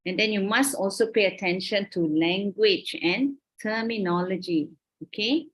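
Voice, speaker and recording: Speaking in Malaysian English at a medium pitch and normal speed, this woman is a university lecturer teaching online by video call. She lays out her points with care and keeps asking "okay?" to check in.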